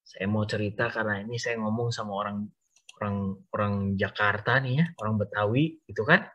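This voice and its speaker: A youth service speaker with a fairly low, somewhat bright voice gives a brisk, chatty storytelling sermon to a youth group over an online call, speaking directly to listeners. The Zoom audio sounds dull.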